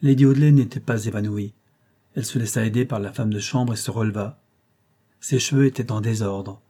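A man reading a classic novel aloud as an audiobook narrator, telling the story in a measured, even way and lightly voicing the characters' dialogue. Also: fairly low pitch, breathy edge.

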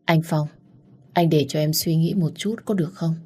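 A woman voicing a torn young woman who speaks hesitantly, in a low voice. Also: steady tone, moderate pace, darkish tone, husky. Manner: hesitant, subdued.

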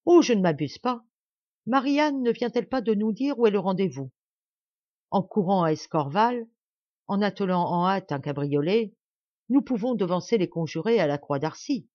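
A woman voicing an elderly, anguished baron who pleads with his son in loud, commanding outbursts. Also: mid-range voice, animated, moderate pace, dry recording, lightly acted. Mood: anguished urgent. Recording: dull dry recording.

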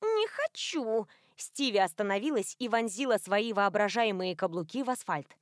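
A woman narrating a novel in an expressive, lively reading. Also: mid-range voice, normal speed, no room sound, studio quality. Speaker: audiobook narrator. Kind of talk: scripted narration.

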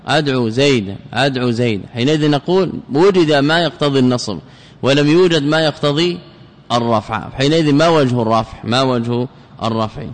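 A man teaching a classical grammar lesson, explaining step by step, often repeating phrases and reciting quoted lines slowly. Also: mid-range voice. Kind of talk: classical lecture explaining a text. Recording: long reverb of a large hall.

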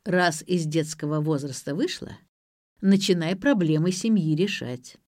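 A gentle but shrewd older grandmother from an audiobook, voiced by a woman narrator. She speaks mildly and coaxingly, in a lower register. The sound is dry and close. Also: measured pace, dry recording. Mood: coaxing grandmotherly. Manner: gentle, coaxing, then firm. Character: calm, shrewd old grandmother.

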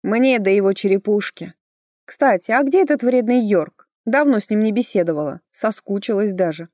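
A woman's voice: mid-range voice, normal speed, dark tone, no echo, clean studio sound, pitched above the performer's own voice, lightly acted. A woman reader voicing a bossy, buxom, motherly older woman who scolds and threatens in a folksy way. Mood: fond. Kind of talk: audiobook character voice.

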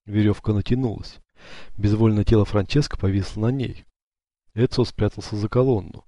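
Low, dark-voiced male narrator. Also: steady tone, normal speed, no echo. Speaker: audiobook narrator. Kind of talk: scripted narration.

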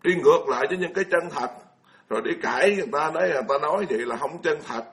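A man's voice: on the high side, racing, a bit bright. A man, giving a blunt, colloquial Buddhist sermon full of scolding rhetorical questions. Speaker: Buddhist monk lecturer.

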